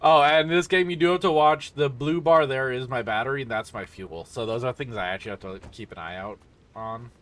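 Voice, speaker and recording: A man's voice: medium pitch, brisk, fairly bright tone, a little hiss or hum. A tired man casually commenting on a driving game as he plays, rambling and yawning with lots of fillers. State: sleepy. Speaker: streamer.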